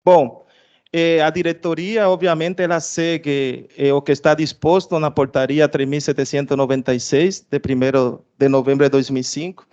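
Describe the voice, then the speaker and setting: A man with a Cuban Spanish accent presents to an audience at an institutional event, his voice smooth, resonant and a little higher than most men's. He hesitates often, filling the pauses with drawn-out filler sounds. The audio is dull and lo-fi. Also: little pitch movement, a little mellow. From Cuba. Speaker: research director giving an institutional presentation.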